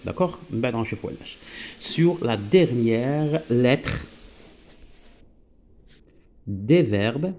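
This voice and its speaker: A man with a Moroccan accent teaching a French grammar lesson, repeating key words slowly and often asking his listeners to focus. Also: medium pitch, lively intonation, darkish tone, a little hiss or hum. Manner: keeps urging listeners to focus.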